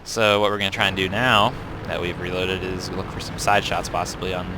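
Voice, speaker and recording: This game reviewer is a young man whose low voice comes across flat and a little fast over background noise and loud tank game sounds. Casually commenting on replays of his own tank battles, he chats, corrects himself, and ums a lot.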